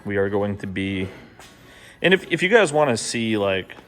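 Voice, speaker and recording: Over background music, a man hosting a car build vlog talks straight to camera in a casual, unscripted way. His voice is lowish with big swings in pitch at a normal speed, and he throws around slang and swears freely.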